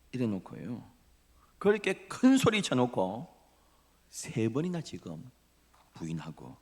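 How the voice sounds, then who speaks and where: A middle-aged man from Busan with a Busan accent, preaching a dramatic sermon that swings from loud emphasis to breathy whispers. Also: lowish voice. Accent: Gyeongsang (Busan) Korean. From Busan, South Korea. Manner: dramatic preaching, drops to breathy whispers, acts out quoted voices. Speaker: pastor. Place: church sanctuary. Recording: long reverb of a church hall.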